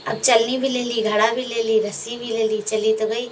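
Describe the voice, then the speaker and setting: A woman's voice: on the high side, little pitch movement, moderate pace. A woman telling a folk tale in a homely, conversational way, acting out the lines of the people and animals in it. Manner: homely, conversational retelling with acted dialogue. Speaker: storyteller. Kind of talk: casual folk tale narration. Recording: distant mic with faint background noise.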